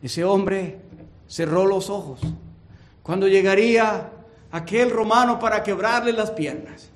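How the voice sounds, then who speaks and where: A male preacher telling a story in a sermon, dramatic and swinging from hushed to loud. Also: sits high, measured pace.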